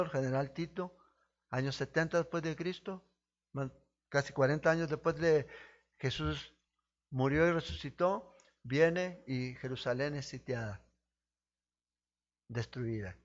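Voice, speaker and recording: A man preaching a sermon as pastor, impassioned, with rhetorical questions to his listeners, surging to emphatic peaks and dropping low. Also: a bit bright, dull audio.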